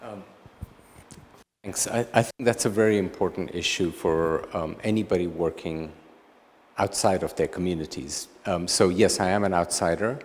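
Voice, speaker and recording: A middle-aged man from Tanzania, a photographer answering audience questions after a lecture, speaking in a reflective, unhurried way with frequent ums and restarts. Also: deep voice. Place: lecture hall. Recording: reverberant lecture hall.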